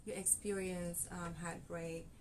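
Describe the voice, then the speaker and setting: A woman's voice: on the low side, level tone, unhurried, darkish tone, slight background noise. A woman hosting a talk show, asking questions in a chatty, curious way and laughing easily. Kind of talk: casual interview chat.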